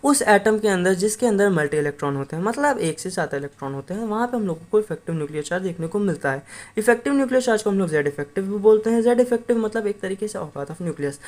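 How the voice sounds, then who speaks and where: A woman teaching exam prep at a quick clip, talking casually and often checking in with listeners. Her pitch sits in the middle, and she corrects herself on the fly. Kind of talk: casual explanatory lesson.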